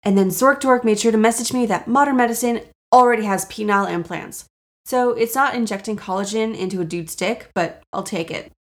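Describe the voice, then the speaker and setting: Woman, podcast host, raspy sore-throat voice, strong vocal fry, mid-pitched, casual, self-deprecating, sweary comedic delivery. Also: a little fast.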